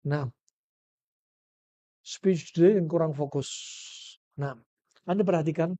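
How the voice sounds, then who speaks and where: Emphatic male preacher, mellow dull recording. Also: fairly high pitch, takes it slowly, dry recording. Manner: animated, emphatic bursts of loud rising speech. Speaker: Islamic preacher. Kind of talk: religious lecture.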